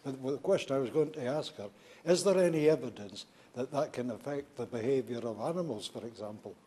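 Older man with a mellow, halting voice. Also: mid-range voice, expressive. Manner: halting, recalls and then questions. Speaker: member of parliament. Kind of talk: parliamentary intervention. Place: large debating chamber.

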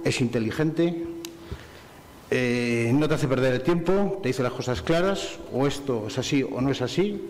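A man's voice: mid-range voice, big-room sound. A middle-aged man from Valencia giving effusive formal thanks at a business breakfast, speaking into a table microphone in a large hotel function room. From Valencia, Spain. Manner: warm, effusive, repetitive listing. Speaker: forum collaborator giving closing thanks. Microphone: table microphone on stand.

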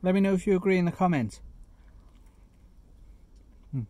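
A man reviewing a fast food burger in a chatty, casual vlog, sometimes talking with his mouth full, sitting in a parked car. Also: high-pitched, a little mellow, dry recording. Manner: chatty, eats while talking, self-deprecating asides. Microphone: phone camera.

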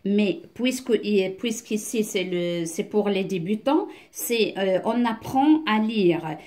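A woman's voice: medium pitch, expressive, warm tone. A woman teacher reading aloud and explaining a beginners' reading lesson, carefully, with hesitant fillers and restarted words. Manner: slow, deliberate reading with explanations.

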